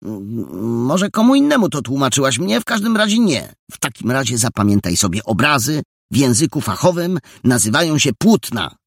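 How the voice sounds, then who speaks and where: A man voicing a slow-witted, easily offended young boy in a storybook, hesitant and stammering. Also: mid-range voice, very animated, creaky, breathy edge, dry recording, clean studio sound, pitched above the performer's own voice, exaggerated voice. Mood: puzzled, touchy. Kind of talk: audiobook character voice.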